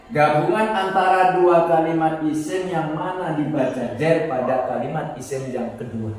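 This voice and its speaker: A man giving a casual grammar lesson, explaining slowly, repeating terms and restarting words. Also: on the high side, darkish tone. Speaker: teacher of Arabic grammar. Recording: echoey room, voice far from the mic.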